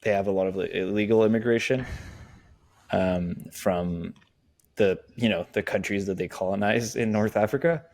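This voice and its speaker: Joking low-voiced male podcast co-host. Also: normal speed, vocal fry, darkish tone. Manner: joking, irreverent asides. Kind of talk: casual podcast banter.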